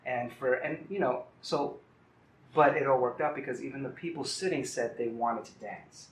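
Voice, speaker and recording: A middle-aged man from Puerto Rico, a salsa singer, talking about his life in a relaxed, reflective interview. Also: medium pitch, normal speed, reverberant, slight background noise, rough recording. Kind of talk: casual interview. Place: outdoors in the city.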